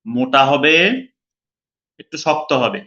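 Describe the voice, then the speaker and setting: Slow, patient man teaching pronunciation. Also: mid-range voice, sharp tone, lo-fi sound. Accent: Bangladeshi Bengali. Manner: slow, patient, repeats each sound several times. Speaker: Quran recitation teacher. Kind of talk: online pronunciation lesson.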